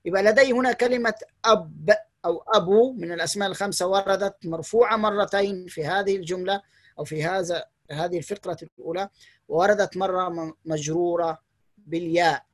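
A teacher giving a patient, step-by-step grammar lesson online, repeating key rules slowly and often praising and blessing the students. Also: medium pitch, dry recording.

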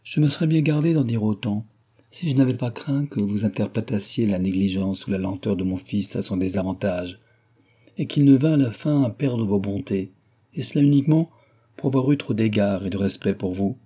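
A man's voice: lowish voice, moderate pace, mellow, husky. A man voicing a chattering, pushy middle-aged mother in an audiobook, talking in a gushing, overfamiliar, insistent way.

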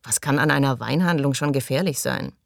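A woman's voice: extremely low pitch, brisk, gravelly, no room sound, clean studio sound. A woman reading the lines of a hopeful man who asks questions in an audiobook. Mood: questioning.

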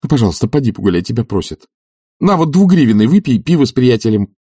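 A man's voice: mid-range voice, big pitch swings, fairly quick, gravelly, dark tone, breathy edge, no echo, studio quality, voice pushed up, full character voice. A man voicing an agitated, anxious idle nobleman who pleads and insists in an audiobook. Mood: urgent. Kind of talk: audiobook character reading.

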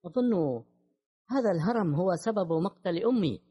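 A man's voice: high-pitched, animated, normal speed, mellow, husky, muffled recording, voice pushed up. A man voicing a shaken, grieving adult woman in an audiobook, with a trembling, urgent manner. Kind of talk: audiobook character voice.

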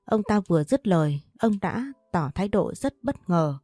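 A woman reading a first-person story aloud as an audiobook narrator, in a steady, even delivery. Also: on the low side, moderate pace, dry recording.

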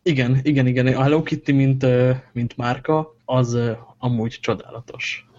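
A man's voice: medium pitch, fairly even intonation, darkish tone. Playful mock-grand man, dull lo-fi sound. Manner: playful, mock-grand, swears for comic effect. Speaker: podcast co-host. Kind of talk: casual tech banter. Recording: dull lo-fi podcast recording.

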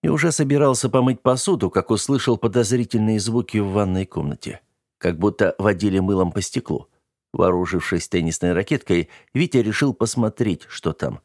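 Low-voiced man reading a comic story. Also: brisk, darkish tone, dry recording, clean studio sound. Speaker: narrator.

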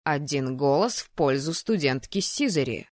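A stern, cold male dean of a magic academy, giving short, commanding orders in a formal tone, as a woman narrator drops her voice low to play him. The voice sits clearly deeper than the narration around it. The recording is close and dry, with no room sound. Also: expressive, moderate pace, a little mellow, no echo. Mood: curt. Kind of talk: audiobook character voice.

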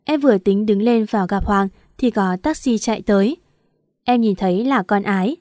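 Speaking at medium pitch and a moderate pace, a female audiobook narrator with a darkish tone reads a first-person love story. She brings emotion to the dialogue, acting out both the fights and the crying. The sound is clean and studio-like, with no room echo.

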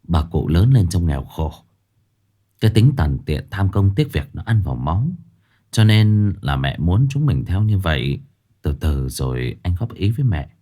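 A meek young husband, as a storyteller puts him on, speaking low and softly. He hesitates and stammers, placating everyone, his voice slightly husky. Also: sing-song, normal speed. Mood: pleading. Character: meek young husband caught between mother and wife.

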